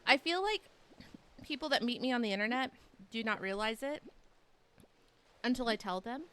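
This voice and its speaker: A woman's voice: a little high, lively intonation, moderate pace, sharp tone, clean tone. Chatty young woman with a light Texan accent. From Texas. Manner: rambling, chatty, lots of "like" fillers. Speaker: livestreamer. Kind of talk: casual chat with stream viewers.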